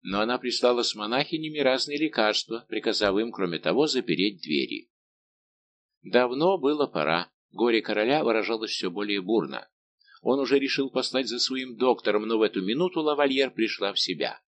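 Male narrator, audiobook, steady measured reading, mid-pitched voice. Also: a little hiss or hum. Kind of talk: scripted narration.

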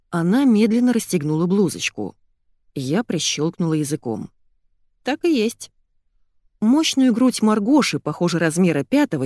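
A woman reads a first-person audiobook with expressive, lively storytelling. Her voice is on the low side but swings widely in pitch. The recording is dry and close, with no room around it. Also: dry recording. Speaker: audiobook narrator.

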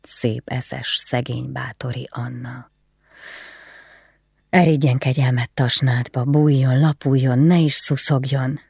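Brief: stern, weary nobleman, read by the narrator, grave and hushed, close dry audiobook sound. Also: medium pitch, steady tone, hardly any pauses, breathy edge, dry recording, natural voice. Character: grieving stern nobleman, duty-bound, weary.

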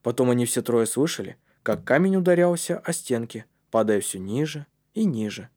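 A man reading a storybook aloud as narrator in a steady, measured way. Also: mid-range voice. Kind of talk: audiobook narration.

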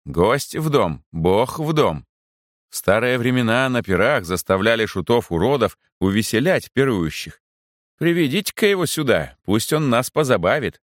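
A man's voice: mid-range voice, big pitch swings, normal speed, dry recording, studio quality, lightly acted. A man playing a glib, sermonizing army chaplain. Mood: ironic. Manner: smooth, mock-sermonizing, ironic. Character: slippery, glib adult male army chaplain who dodges his debts.

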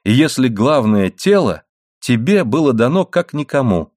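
A man's voice: mid-range voice, big pitch swings, moderate pace, a little mellow, dry recording, studio quality, voice pushed up, natural voice. A man reading a teasing, matter-of-fact miner's wife. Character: dry, teasing miner's wife, middle-aged woman.

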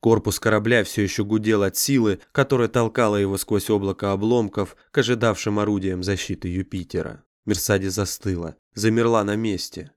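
Low-voiced man narrating a dark sci-fi audiobook. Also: fairly even intonation, brisk, hardly any pauses, dry recording, studio quality. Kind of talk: scripted dramatic narration.

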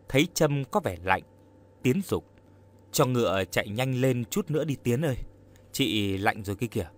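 Expressive male audiobook narrator. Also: medium pitch. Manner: expressive storytelling. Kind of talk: scripted story narration.

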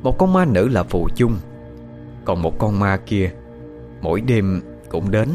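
A man narrating a ghost story as storyteller, dramatic and expressive. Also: lowish voice, unhurried, soft background music.

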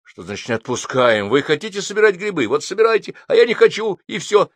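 A man's voice: high voice, big pitch swings, quick pace, no echo, pitched above the performer's own voice. A male reader voicing an exasperated, harried man who keeps protesting.

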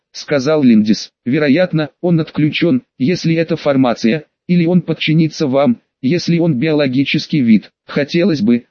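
A man reading a fantasy audiobook aloud in an even, unhurried way, voicing every character alike. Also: a little high, no echo. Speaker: audiobook narrator. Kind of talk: scripted narration. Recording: dull, dry lo-fi recording.

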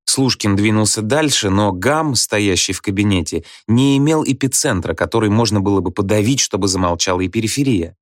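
A man reading a story aloud as an audiobook narrator, in an even, wry storytelling manner. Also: fairly low pitch, brisk, hardly any pauses, dry recording, studio quality. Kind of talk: scripted narration.

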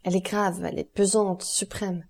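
Passionate young man, read by a woman, audiobook, earnest, insistent, mellow voice. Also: medium pitch, flat delivery, normal speed, gravelly. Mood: ardent. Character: young man, ardent, passionate, desperate lover. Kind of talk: audiobook character reading.

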